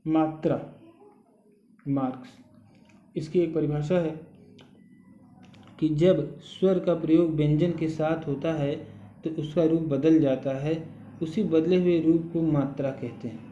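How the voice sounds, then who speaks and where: A man gives a recorded grammar lesson at a slow, patient pace, pausing often to check that listeners follow. His voice is very dark and mellow. The recording sounds dull and echoey, as if made in a bare room. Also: on the high side, steady tone, slight background noise. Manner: slow, patient explaining with frequent "ठीक है" check-ins. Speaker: teacher.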